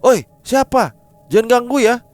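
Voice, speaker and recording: A young husband snaps back in brusque, dismissive lines, his voice pushed high above the man's usual, as the narrator acts him out. Soft music runs under the storytelling. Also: animated, measured pace, no room sound. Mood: shouting. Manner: dismissive, sharp.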